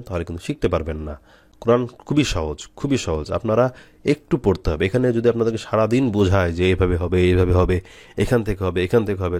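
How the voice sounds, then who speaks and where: Deep-voiced man teaching Quran letters. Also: a little mellow, dry recording. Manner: patient, repeats and drills letters slowly. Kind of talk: recorded lesson.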